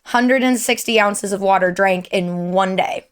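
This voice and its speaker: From her desk at home, a young woman who streams and makes YouTube videos gives viewers a candid, earnest, rambling personal update. Her throat sounds sore and strained, though her medium-pitched voice stays smooth and measured in pace.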